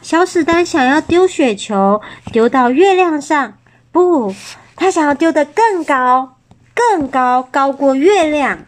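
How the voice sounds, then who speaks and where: Taiwanese-accented mom, storybook read-aloud, gentle, chatty, higher voice. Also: female voice, lively intonation, takes it slowly. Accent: Taiwanese Mandarin. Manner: gentle, chatty, asks the child questions. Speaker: mother reading to her child.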